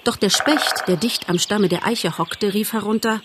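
A woman reading an audiobook aloud as narrator in a calm, measured storytelling manner. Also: medium pitch, background noise.

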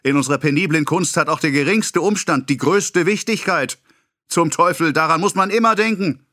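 A male narrator voicing a pompous, excitable middle-aged apothecary who rants and scolds in a self-important way. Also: on the high side, slow, dry recording, clean studio sound, voice pushed up, exaggerated voice. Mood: ranting. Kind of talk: audiobook character voice.

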